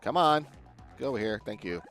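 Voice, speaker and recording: A man's voice: mid-range voice, expressive, brisk, fairly bright tone, soft background music. A man giving casual let's-play commentary as he hosts a gaming video.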